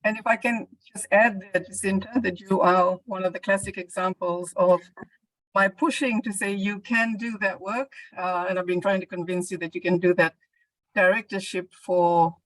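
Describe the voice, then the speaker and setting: A woman's voice: on the low side, fairly even intonation, normal speed, dry recording, low-quality recording. A woman panelist speaking spontaneously and directly, in an encouraging way. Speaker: senior panelist and mentor.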